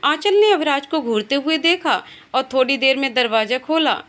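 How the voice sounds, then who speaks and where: A woman's voice: high-pitched, normal speed, a bit bright. A woman reading a romantic family story aloud, voicing the characters' lines in her own voice. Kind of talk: scripted story narration.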